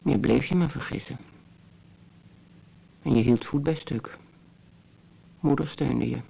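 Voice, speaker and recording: An actor playing a bitter, teasing brother who muses to his sister in a slow, mocking monologue, in old radio drama style. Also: mid-range voice, vocal fry, mellow, slightly rough, heavily acted, poor audio. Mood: musing. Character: wry, bitter adult brother, teasing yet tender. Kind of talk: 1970s Dutch radio drama acting.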